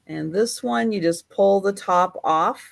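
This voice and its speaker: A woman hosting a live sale as the auctioneer, describing items in an unhurried, chatty, measured way. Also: medium pitch, creaky.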